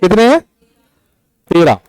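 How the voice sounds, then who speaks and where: High-voiced man teaching a class. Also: wildly swooping pitch, measured pace, a little mellow, no room sound, poor audio. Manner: patient, explains step by step and counts syllables aloud. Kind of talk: classroom lecture on Hindi prosody.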